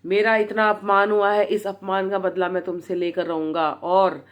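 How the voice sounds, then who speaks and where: A woman's voice: mid-range voice, little pitch movement, normal speed, lightly acted. A woman voicing an arrogant, angry male politician who blusters and threatens in a told story. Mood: angry boastful.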